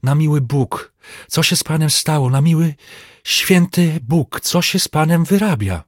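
A man doing an old servant exclaiming loudly. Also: animated, moderate pace, husky, no echo, studio quality. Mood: shocked, wailing. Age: older. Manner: loud, exclaiming, high-pitched. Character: elderly male servant, startled, then tearful and pleading.

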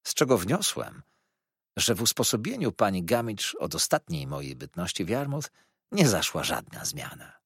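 Husky male audiobook narrator. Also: lowish voice, dry recording, clean studio sound. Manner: expressive, measured reading. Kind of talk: scripted first-person narration.

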